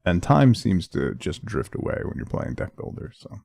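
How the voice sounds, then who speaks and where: A man hosting a casual game livestream, talking in a sedated, flat, low-energy way, subdued from medication. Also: normal speed, gravelly, no room sound, faint music behind. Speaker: game streamer, host. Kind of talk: casual livestream intro talk.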